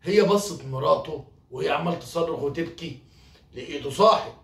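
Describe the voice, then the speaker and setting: A man with an Egyptian accent casually retelling a folk tale in a lively, animated way. His voice is somewhat high for a man, and the sound is roomy, picked up from a distance. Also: brisk, gravelly. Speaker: storyteller.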